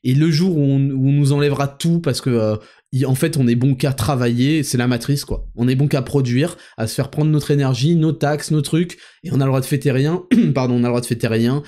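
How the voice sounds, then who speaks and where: A man's voice: mid-range voice, fairly quick, mellow. A young man hosting a casual monologue vlog while walking, talking in a crude, rambling, ranting way. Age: young adult. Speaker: host.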